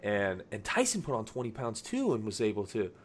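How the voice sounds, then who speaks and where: Male podcast host, casual chatty storyteller, lively quoted voices. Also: lowish voice, a little fast. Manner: animated storyteller, acts out quotes; laughs often, many fillers.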